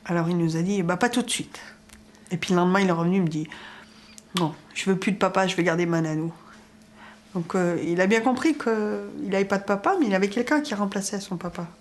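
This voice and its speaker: A woman's voice: medium pitch, brisk. A mother telling a family anecdote in a chatty way, quoting what her child said. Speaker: mother interviewed in a documentary.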